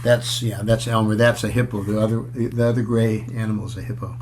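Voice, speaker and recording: Reading a kids' picture book in storytelling fashion, this man speaks in a fairly low, level, somewhat dark voice. Slight background noise is audible, and he chats along the way, commenting on pictures and putting questions to his listeners.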